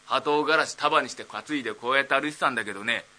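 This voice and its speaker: A man voicing a dim-witted idle young man nearly thirty, rambling slowly in rakugo storytelling. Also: mid-range voice, sharp tone.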